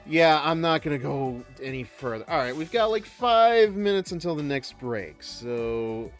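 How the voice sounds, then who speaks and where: Animated man rambling casually on a game stream. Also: fairly high pitch, measured pace, soft background music. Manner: rambling, hesitant, conversational. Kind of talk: casual live commentary and chat.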